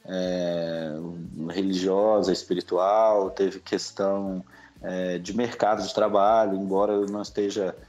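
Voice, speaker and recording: With a flat, low-pitched, slightly mellow delivery at a measured pace, a middle-aged Brazilian man casually describes his own experiences in Brazilian Portuguese as a podcast guest. The sound is slightly dull and lo-fi.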